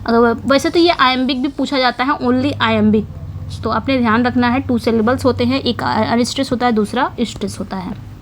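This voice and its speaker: A woman teaching English literature for exams, explaining each question in Hindi and reading the English slowly, repeating key words as she writes on a board. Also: fairly high pitch, slight background noise. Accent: Indian English. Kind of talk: exam-prep lesson.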